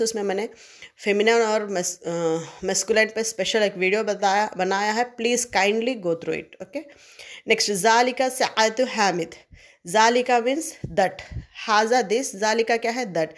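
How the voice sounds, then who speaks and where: A woman teacher going through an exam revision lesson step by step, posing questions to her students and answering them, checking in with "okay?" often. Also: mid-range voice.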